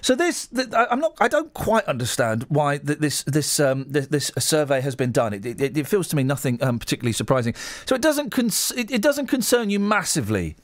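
A man hosting a casual radio talk show, animated and prone to stumbling restarts. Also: fairly high pitch, fairly quick, hardly any pauses. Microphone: studio microphone.

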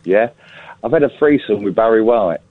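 A man calling in to a show on speakerphone, chatting casually and telling deadpan jokes with halting "uh"s. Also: fairly low pitch. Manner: hesitant, deadpan joking, many "uh"s. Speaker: caller. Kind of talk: casual phone-in chat. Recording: narrow tinny phone line.

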